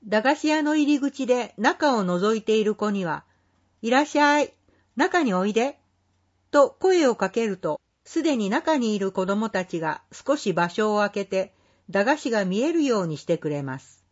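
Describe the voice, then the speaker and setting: A woman reading a scripted community announcement in a polite, measured, formal way. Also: mid-range voice, big pitch swings, a little mellow, dull audio. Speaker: care facility staff announcer.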